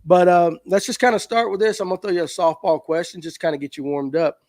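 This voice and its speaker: A man hosts a casual fishing podcast, his voice on the high side for a man. He talks in an easygoing, joking way and chimes in often. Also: fairly even intonation, fast talker, darkish tone, dry recording, studio quality. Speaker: podcast host.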